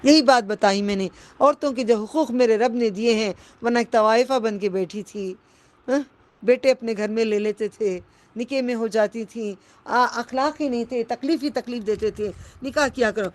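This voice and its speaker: A woman giving a Quran commentary lesson as its teacher, impassioned and exhorting, repeating phrases for emphasis. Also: a little high.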